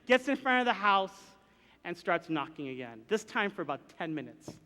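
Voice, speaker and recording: A young adult man, a pastor, telling a comic story in a chatty, animated way from the pulpit. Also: sits high, moderate pace, background noise. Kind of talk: storytelling sermon. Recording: reverberant hall.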